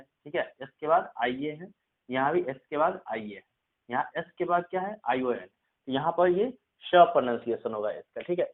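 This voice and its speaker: Male teacher, mid-pitched voice, patient classroom delivery, lo-fi phone-quality audio. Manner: slow dictation of rules, asks "clear?" often. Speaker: English pronunciation teacher. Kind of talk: classroom lesson.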